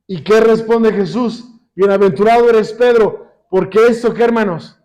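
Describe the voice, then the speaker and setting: A man teaching a Bible lesson to a congregation, often pausing to quiz them with call-and-response questions and slowing down when he quotes scripture. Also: high voice, fairly even intonation, darkish tone, lo-fi sound. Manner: slows down when quoting scripture. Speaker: church teacher. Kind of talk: sermon-style Bible lesson.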